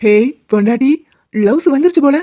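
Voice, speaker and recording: A woman voicing a teasing, doting young husband in an animated cartoon who worries easily. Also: sits high, brisk, no room sound, dull audio. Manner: teasing, fussing, affectionate.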